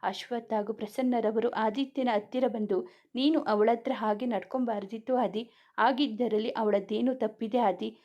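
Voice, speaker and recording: A woman tells a serialized romance story aloud in a mellow, somewhat high voice. She reads the narration and every character's lines in the same steady reading voice. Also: normal speed, dull audio.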